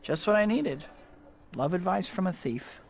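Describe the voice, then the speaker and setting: An actor playing a wisecracking young superhero in a video game, sarcastic but earnest. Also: male voice, sits high, lively intonation, measured pace, gravelly, exaggerated voice. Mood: wry, sulky. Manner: sarcastic, joking. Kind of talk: video game cutscene acting.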